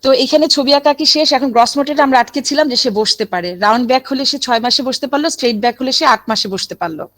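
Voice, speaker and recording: Lady lecturing med students, bit high voice, keeps asking if they got it, dry sound. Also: quick pace, few pauses, a bit bright, dry recording. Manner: explanatory, checks in with students often. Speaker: medical teacher. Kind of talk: classroom lecture.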